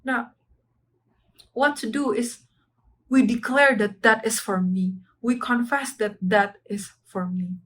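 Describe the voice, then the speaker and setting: A woman's voice: on the high side, takes it slowly, a bit bright, low-quality recording. Earnest woman preaching. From Indonesia. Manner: earnest, switches languages mid-sentence, affirms points with frequent "ya". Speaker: church speaker. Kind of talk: bilingual sermon sharing.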